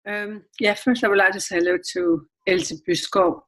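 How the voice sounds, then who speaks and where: Husky older woman. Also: medium pitch, fairly even intonation, fairly bright tone, rough recording. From Denmark. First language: Danish. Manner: measured, reflective. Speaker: panel guest.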